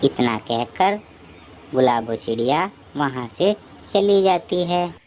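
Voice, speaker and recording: A woman narrating a children's cartoon story in a calm, even storytelling manner. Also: sits low, slow pace, a little hiss or hum.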